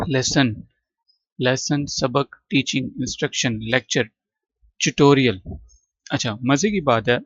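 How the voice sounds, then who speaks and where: A man's voice: medium pitch, no echo, highs cut off. Patient male teacher. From Pakistan. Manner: patient, repeats words and drills pronunciation. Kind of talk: classroom lesson explaining vocabulary.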